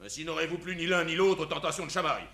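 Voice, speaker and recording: A gravelly, hot-tempered old general. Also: male voice, on the high side, fast talker, pushed and bright. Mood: commanding. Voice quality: gravelly, commanding. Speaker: general Don Lope de Figueroa. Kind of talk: 1950s stage radio drama. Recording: roomy old stage recording.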